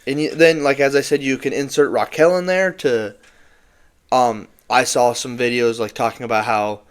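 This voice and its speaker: A man's voice: mid-range voice, steady tone, moderate pace, clean tone. A young man co-hosting a casual wrestling recap podcast, rambling and stumbling over words. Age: young adult. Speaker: podcast co-host.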